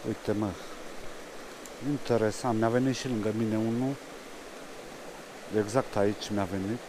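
Man fishing by a loud stream. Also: fairly low pitch, fairly even intonation. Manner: mumbles quietly to himself while fishing, then speaks up loudly to the camera. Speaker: fishing vlogger. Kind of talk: casual outdoor fishing commentary. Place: outdoors by a mountain stream. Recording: rushing stream noise behind.

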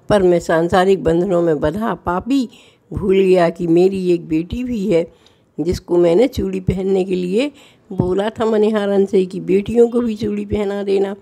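A woman's voice: mid-range voice, gravelly, mellow. A woman voicing a remorseful older merchant who tearfully begs forgiveness in a devotional story. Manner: tearful pleading apology.

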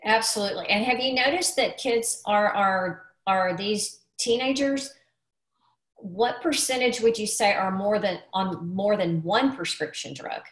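A woman's voice: mid-range voice, unhurried. A middle-aged woman hosting a video call interview, asking follow-up questions in a supportive way. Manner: supportive, frequent backchannel murmurs. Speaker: host, life coach. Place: home office with bookshelves. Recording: echoey room on video call.

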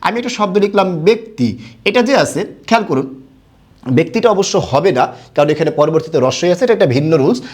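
A man's voice: high-pitched, expressive, quick pace, a little mellow. A young man teaching a Bengali grammar lesson, asking questions and answering them himself. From Bangladesh. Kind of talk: recorded classroom lesson.

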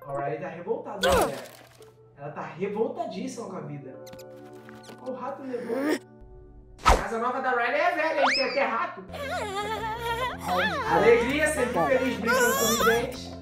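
A man with a Brazilian Portuguese accent hosting a casual reaction video, talking excitedly to his viewers with lots of exclamations. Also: very high-pitched, moderate pace, pauses often, distant mic. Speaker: YouTube reaction host. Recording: echoey room, off-mic, loud background music.

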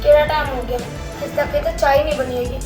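A woman's voice: sits high, fairly even intonation, fast, lightly acted. An actress playing a jealous, possessive young woman who talks bluntly and threateningly. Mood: sharp. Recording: echoey room, far from mic, music behind.

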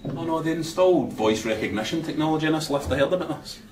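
A man's voice: fairly high pitch, lively intonation, quick pace, reverberant, noisy background, lightly acted. A man playing an exasperated Scottish man. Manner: increasingly exasperated, shouting at the lift. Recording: studio audience laughter behind.

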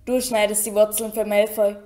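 A woman reading aloud and voicing a cold, menacing male teacher who speaks flatly. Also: medium pitch, normal speed, close to an everyday voice. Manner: flat, threatening.

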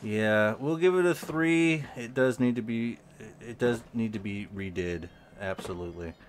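A man giving casual commentary over a video game, halting and repeating his words with frequent ums. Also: lowish voice, slight background noise. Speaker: gaming channel host.

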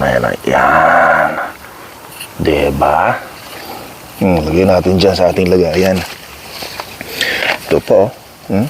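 A man's voice: low voice, slight background noise. A man from the Philippines vlogging casually to his viewers from an outdoor backyard on a clip-on mic, rambling and self-mocking with frequent chuckles. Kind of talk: casual chatty vlog addressing viewers. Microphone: clip-on microphone.

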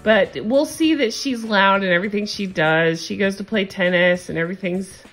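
A woman's voice: mid-range voice, moderate pace, a bit bright, faint music behind. A woman with a standard American accent giving a casual, gossipy, opinionated recap of a reality show. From United States. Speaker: TV recap host.

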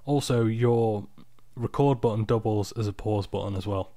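A tired man giving a casual, unscripted screen-recording tutorial, explaining software steps in an informal, off-the-cuff way. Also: on the low side, normal speed, no room sound, clean studio sound. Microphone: external microphone, close and dry.

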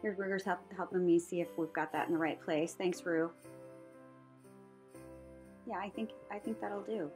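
A woman in her fifties, a craft vlogger, narrates her home vlog in a casual, rambling, chatty way, chuckling often. Her voice is on the low side, fairly even and a little mellow, at a moderate pace with frequent pauses, over background music.

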